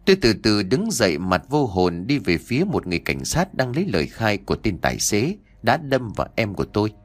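A man's voice: on the low side, big pitch swings, fairly quick. A man narrating a first-person ghost story in a scripted reading.

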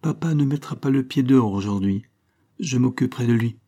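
A man's voice: mid-range voice, brisk, warm tone, pitched above the performer's own voice, natural voice. A man voicing a playful, spoiled young countess with a teasing, imperious manner. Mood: coaxing.

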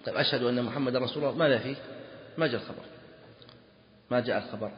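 A man explaining a legal text to students, slow and deliberate, often asking them questions. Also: medium pitch. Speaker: teacher of Islamic law. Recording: lo-fi recording in a reverberant hall.

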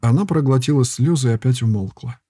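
A man reads a novel aloud in a measured, intimate way. His voice is dark and husky. The recording is close and dry, with no room sound. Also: medium pitch, no room sound. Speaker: audiobook narrator. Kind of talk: scripted narration.

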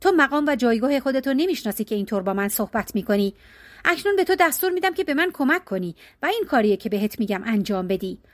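A woman's voice: on the high side, very animated. A woman voicing an arrogant male demon king who gives commands and threatens, in a storybook reading. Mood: commanding. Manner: commanding, menacing.

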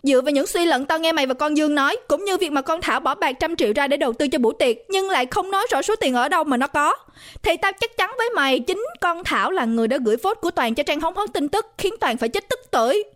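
A woman's voice: sits high, lively intonation, brisk, a bit bright. A woman doing a sneering, blunt young woman. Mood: scornful. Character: scornful young woman, sharp-tongued friend.

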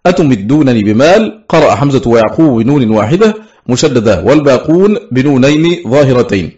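A man's voice: medium pitch, lively intonation, fast talker, a little mellow. A man reading a scholarly text aloud for an audiobook, steadily and methodically listing one item after another. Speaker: audiobook reader. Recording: dull lo-fi recording.

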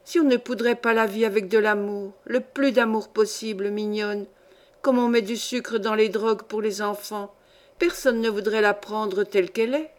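A woman's voice: mid-range voice, fairly even intonation, normal speed, close to an everyday voice. A woman reading a story aloud, voicing an indignant, worldly old grandmother who lectures her granddaughter with scorn. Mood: lecturing. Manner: scornful, lecturing, sweeping tirade. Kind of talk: audiobook reading.

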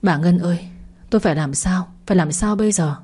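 A woman's voice: lowish voice, brisk, mellow, breathy edge. A woman voicing a worried, weeping middle-aged mother in a narrated audio story. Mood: tearful. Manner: tearful, pleading.

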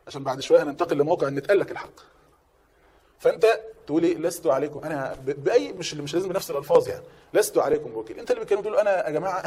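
A man with an Egyptian accent giving a Quran lesson in colloquial speech, lively and acting out objectors in quick asides. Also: fairly high pitch, breathy edge. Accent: Egyptian Arabic. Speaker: preacher.

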